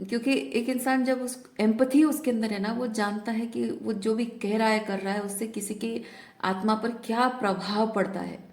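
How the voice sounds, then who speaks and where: A woman's voice: on the high side, fairly even intonation, moderate pace, darkish tone. A woman tarot reader talking reflectively in a spiritual guidance talk, often mixing in English words.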